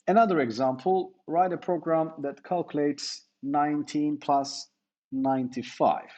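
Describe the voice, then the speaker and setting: A man's voice: on the high side, steady tone, unhurried, dark tone, highs cut off. A middle-aged man giving a university lecture, explaining step by step with fillers and self-corrections.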